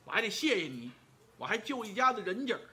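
A man's voice: high voice, big pitch swings, fast talker, bright, forceful tone, full character voice. A man voicing a brash, hot-tempered, burly outlaw warrior who talks bluntly and boastfully.

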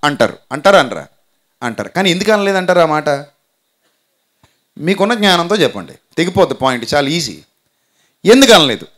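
High-voiced male pastor preaching. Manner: rhetorical questions to the audience; animated storytelling, dropping quiet at times. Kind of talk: sermon.

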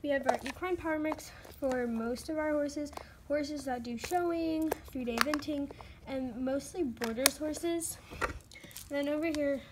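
A woman's voice: high voice, a little slow, heavy background noise. A woman casually narrating a tour of her toy horse barn, listing items in a chatty way and sometimes dropping to a whisper, recorded on a handheld phone indoors. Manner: chatty listing, soft at times, slips into whispers. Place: carpeted room at home, indoors. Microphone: handheld phone camera, unseen speaker.

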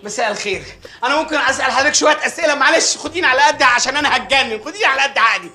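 A frantic, rapid-fire Egyptian man. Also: very high voice, bright, forceful tone, soft background music, exaggerated voice. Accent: Egyptian Arabic. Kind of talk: comedy film acting.

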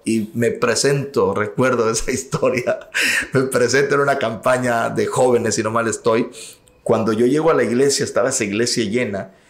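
A man, an evangelist, telling his testimony in an interview, emotional and at times rising almost to a shout. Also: medium pitch, steady tone, normal speed, reverberant. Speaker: evangelist guest. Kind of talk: testimony storytelling.

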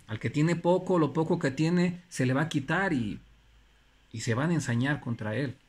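A man's voice: on the high side, slightly rough. Earnest man giving a motivational talk. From Mexico. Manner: earnest and preachy, repeats phrases for emphasis, with pauses. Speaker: motivational speaker.

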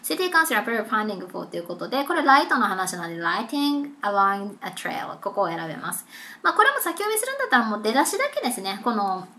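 A young woman tutoring for a test in a casual, chatty lesson, reading passages slowly. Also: on the high side, huge pitch swings, sharp tone. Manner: chatty, mixes Japanese and slowly read English.

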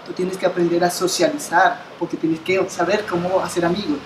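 A Colombian woman in her fifties, an association founder, tells her story as an interview guest, speaking earnestly with many restarts and repeated words and gesturing as she talks. Her voice is low and flat, her pace brisk, with background noise. She sits indoors in a bright living room by a window, and the sound is roomy.

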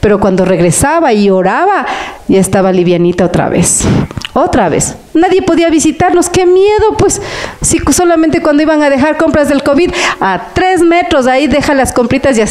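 Emotional woman preacher with a higher voice. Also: lively intonation, normal speed, a little mellow. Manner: emotional, pitch jumps up and down for emphasis; addresses listeners as brothers.

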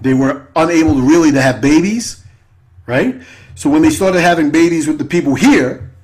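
Through a rough recording, a man's slightly mellow voice moves at a normal speed as he hosts an internet radio show. Improvising a political monologue, he repeats himself with rhetorical questions and "right?" tags, his pitch sweeping.

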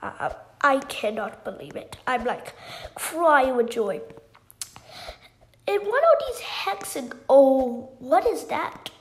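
Young girl, about nine, gaming commentary; excitable, high pitch, slow delivery. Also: reverberant. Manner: bubbly, exclaims and gasps often. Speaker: gaming YouTuber.

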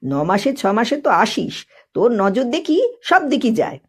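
A woman's voice: on the high side, big pitch swings, unhurried, breathy edge, full character voice. A woman doing an easygoing village husband. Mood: chiding. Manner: mild, joking, gently chiding.

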